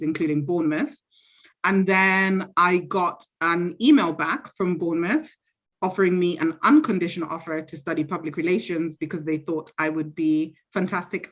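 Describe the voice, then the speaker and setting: Low-voiced woman from Zambia, chatty. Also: a bit bright. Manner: chatty, self-assured, reflective. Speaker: interviewee, university graduate. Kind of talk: casual interview answers.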